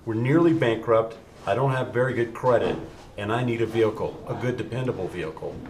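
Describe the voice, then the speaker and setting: Man acting as low-voiced husband in echoey room. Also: fairly quick, darkish tone, a little hiss or hum, natural voice. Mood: earnest. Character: everyday husband and car buyer with bad credit. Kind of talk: infomercial testimonial acting. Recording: roomy echo, faint music behind.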